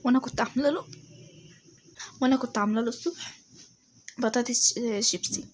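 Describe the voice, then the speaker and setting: A woman's voice: fairly high pitch, fast, slight background noise. A woman with an Egyptian accent, chatting through a voice-over of her home routine with lots of fillers and check-ins with viewers. Her voice sounds a little off. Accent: Egyptian Arabic. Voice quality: slightly changed, a bit off. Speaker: home vlogger.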